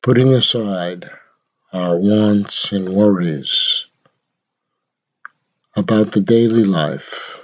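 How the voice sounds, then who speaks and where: With a fairly low pitch, a man leads a guided meditation, giving measured instructions in short phrases with long pauses between. The high frequencies in the audio are cut off.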